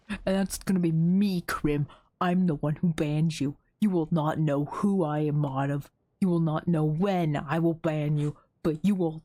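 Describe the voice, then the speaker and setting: A woman's voice: fairly low pitch, dark tone, dry recording. A young woman streaming a game, talking in a playfully dramatic way and making mock threats at her chat. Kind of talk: gaming livestream commentary.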